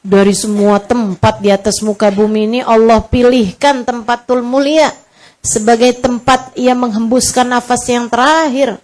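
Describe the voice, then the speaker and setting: A woman gives an Islamic lecture in an easy, conversational way. She tells stories to her listeners, playing out each person's words, and her voice sits a little high. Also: fairly even intonation, moderate pace, a little mellow. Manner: conversational, addresses audience as friends, acts out dialogue. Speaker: religious preacher.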